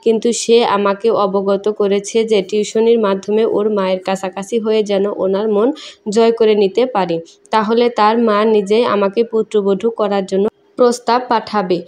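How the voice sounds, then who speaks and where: A woman narrating a first-person emotional story in a steady, measured reading. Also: medium pitch.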